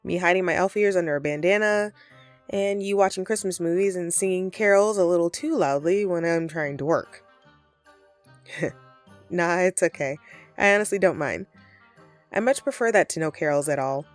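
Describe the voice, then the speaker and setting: With soft music in the background, a woman voices a flustered, friendly Christmas elf secretly living as the listener's roommate in an audio roleplay. She sounds grateful and affectionate, hesitant, sheepish, and earnest, using a natural, lowish voice at a moderate pace with frequent pauses.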